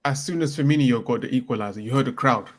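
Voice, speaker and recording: A young man chats about football. He stops and starts, repeating words as he gathers his thoughts. His voice sits at an average pitch. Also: fast. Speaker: football pundit. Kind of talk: casual football chat.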